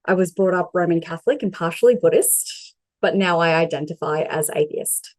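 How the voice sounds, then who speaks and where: Speaking at a moderate pace in a lowish, darkish voice, a young woman from Sri Lanka steadily reads her prepared talk on mental health advocacy. She is dialing in by video call, and no room sound is audible.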